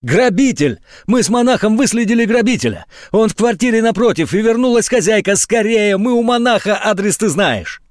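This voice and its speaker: A man voicing an excitable male journalist who grows urgent and shouts when alarmed, in an audiobook. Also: mid-range voice, normal speed, hardly any pauses, dry recording, studio quality. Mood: panicked.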